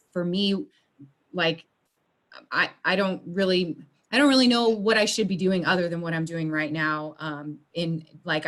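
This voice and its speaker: Speaking over a video call, a school social worker chats casually in a meeting, rambling and restarting often. Her voice sits fairly low and has a slightly bright quality.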